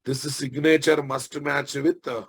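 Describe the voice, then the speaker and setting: Giving a casual technical lecture, this man with a Telugu Indian accent teaches software, restating phrases and frequently tacking on questions to confirm listeners keep up. He speaks at medium pitch with a steady tone, a measured pace, and a breathy edge.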